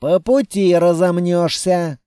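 A man's voice: sits high, steady tone, slow pace, mellow, clear, resonant tone, no room sound. A man voicing a curt, cold male squad leader in an audiobook, speaking in a clipped, brusque way.

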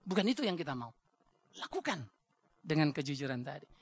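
A male pastor with a Batak accent preaching a sermon in a blunt, joking, animated way. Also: a little high, brisk, husky, no echo. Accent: Batak Indonesian.

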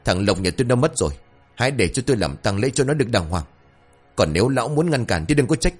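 A man's voice: mid-range voice, very animated, fast, husky, faint music behind. A man voicing a hot-tempered middle-aged father, bitter and threatening in his grief. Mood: furious.

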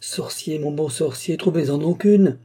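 A man's voice: fairly low pitch, lively intonation, brisk, mellow, breathy edge. A man reading aloud as an eager, impatient countess, the king's favourite, in a novel's audiobook, speaking in exclamations.

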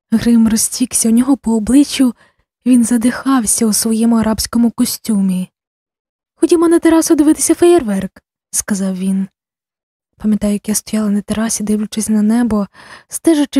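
A woman narrating an audiobook, measured and expressive. Her voice sits a little high, with a mellow, breathy tone. The recording is close and dry. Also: no echo.

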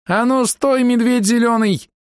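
A man squeaking as a shrill hidden girl thief. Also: moderate pace, no room sound, studio quality, close to an everyday voice. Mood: indignant. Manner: squeaky, indignant shouting. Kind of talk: audiobook character voice.

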